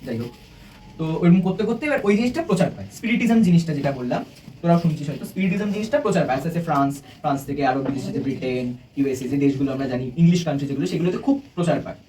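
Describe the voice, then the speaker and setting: Young guy talking fast to his friends like a class talk, bit high voice, recorded from across the room. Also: lively intonation, warm tone. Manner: chatty, asks the group questions, jokes. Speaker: student presenter. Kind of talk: casual classroom presentation. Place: indoor room with a small group. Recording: distant mic with light room noise.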